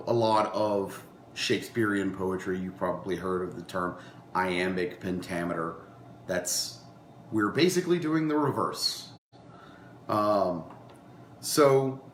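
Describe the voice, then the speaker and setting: A man with a lingering cold teaching a beginners' class, explaining in an unhurried way with many ums and restarts. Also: on the low side, a little hiss or hum. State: recovering from a cold, coughing. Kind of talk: informal lecture to a class. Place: meeting room with a class. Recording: roomy class recording.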